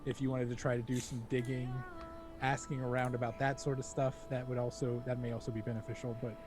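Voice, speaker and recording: A man's voice: mid-range voice, level tone, fast, music in the background. A young man running a tabletop game as game master, laid-back and joking, with lots of fillers.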